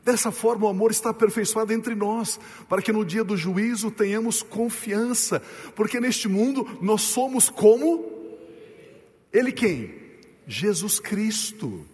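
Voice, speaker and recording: A male pastor preaching a sermon, asking the congregation rhetorical questions and slowing down and dropping low to stress his points. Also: lively intonation, a little mellow, big-room sound.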